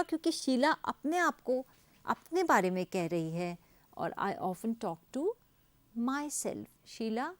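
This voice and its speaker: Slow, lively-voiced woman teacher. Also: a little high, dry recording. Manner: explains slowly, reads English examples out very slowly; asks and answers her own questions. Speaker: English teacher. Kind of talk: recorded grammar lesson.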